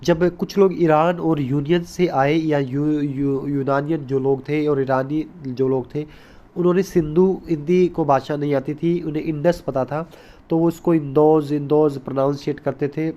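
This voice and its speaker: A man's voice: on the high side, fairly even intonation, moderate pace, warm tone, highs cut off. A man teaching a recorded school lesson, explaining step by step, repeating key points and mixing English terms into his Hindi.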